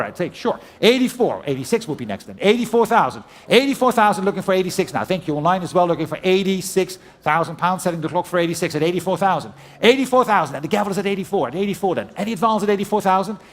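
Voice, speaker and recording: A man working as an auctioneer, speaking formally and courteously as he calls a live sale with rhythmic, repeated figures. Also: high voice.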